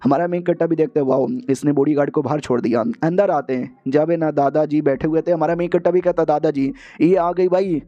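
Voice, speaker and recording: A man's voice: fairly high pitch, fairly even intonation, fast talker, hardly any pauses, warm tone, muffled recording. A man casually retelling a manga chapter in a jokey, slangy, exaggerated way. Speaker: manga recap narrator. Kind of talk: casual comic story recap.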